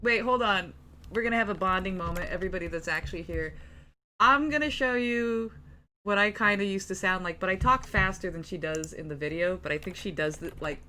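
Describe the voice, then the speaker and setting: A woman from New Mexico live streaming, chatting casually, talking fast with lots of likes. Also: on the low side, bright, forceful tone, slight background noise. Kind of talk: casual chat.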